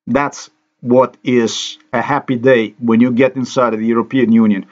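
A man's voice: medium pitch, little pitch movement, normal speed, a little mellow, highs cut off. A man from Slovenia, a native Slovenian speaker, giving an angry, accusatory, repetitive monologue over a screen recording.

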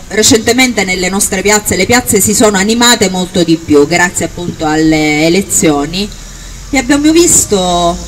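A woman delivers a campaign speech in a medium-pitched voice. She projects emphatically, stressing listed phrases for a crowd in a square. The sound is picked up from a little distance outdoors, with faint noise behind it. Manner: emphatic oratory, projected, with deliberate listing phrases. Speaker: political candidate or activist at a rally. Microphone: handheld-type microphone on a stand, amplified.

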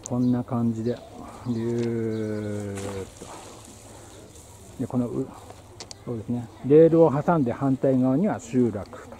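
A man's voice: mid-range voice, brisk, mellow, low-quality recording. A man narrating a casual travel vlog, musing aloud as he walks around a small rural train station. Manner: muses aloud, thinking as he goes. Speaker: travel vlogger. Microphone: handheld camera mic. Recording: outdoor ambience with birds and traffic.

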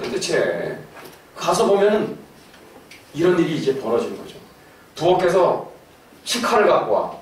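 Middle-aged male lecturer, slightly high voice, animated and joking, caught from far off in an echoey hall. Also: a little hiss or hum. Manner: animated, laughing asides, questions to the audience. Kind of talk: lively lecture to an audience.

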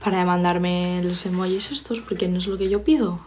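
A woman's voice: fairly low pitch, fairly even intonation, brisk, a little mellow, soft background music. A young woman from Spain chatting on a live stream from home, teasing viewers and reading their comments aloud. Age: young adult. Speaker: livestreamer. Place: home, studying.

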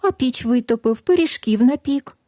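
A woman's voice: high-pitched, lively intonation, moderate pace, warm tone, no echo, studio quality, pitched above the performer's own voice. Woman voicing a hardworking little rooster. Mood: questioning. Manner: calling, questioning, patient. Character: busy hardworking rooster, male, small.

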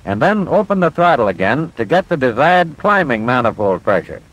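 A man with a mid-range, somewhat bright, sing-song voice plays a patient, confident instructor pilot explaining cockpit controls at a moderate pace. His delivery is clear, methodical, and instructive, in the manner of a 1940s military training film. It's a low-quality recording resembling a vintage film soundtrack.

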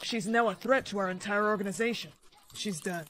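A man's voice: high voice, a little fast, sharp tone, slight background noise. An actor playing a cruel male crime boss who is menacing and mocking.

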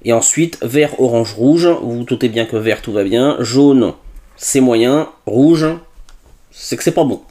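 Speaking a little slowly in a dark, mid-range voice, a man chats his way through a product unboxing for a tech review. He keeps dropping in interjections like "hop" and pausing to hesitate.

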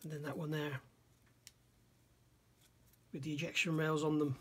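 A man's voice: fairly high pitch, level tone, a little slow, background noise. A middle-aged man reviewing a scale model kit at his workbench, thinking aloud and often questioning himself. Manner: musing, self-questioning, admiring. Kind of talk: casual hands-on kit review. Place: workbench indoors.

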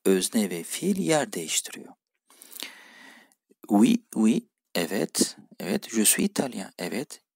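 Guy teaching a language class, reads a line then translates it, lowish gravelly voice, dry close sound. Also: no echo. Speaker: French teacher. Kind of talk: language lesson explaining dialogues.

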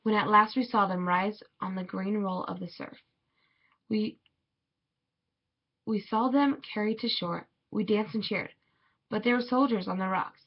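A woman reading a children's picture book aloud in a measured, expressive way. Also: mid-range voice. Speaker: storybook reader. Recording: dull lo-fi recording.

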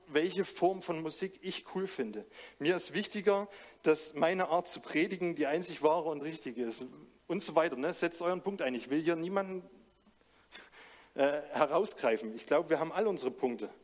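A man preaching a sermon, speaking earnestly and directly to his listeners with many rhetorical questions. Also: fairly high pitch. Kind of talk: sermon with closing prayer.

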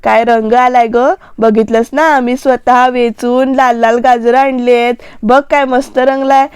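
A woman voicing an older father and husband who teases his wife and bristles easily, in slow, plain quoted lines. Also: a little high, flat delivery, clear, resonant tone, no echo, studio quality, close to an everyday voice. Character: older father, retiring husband, teasing and touchy.

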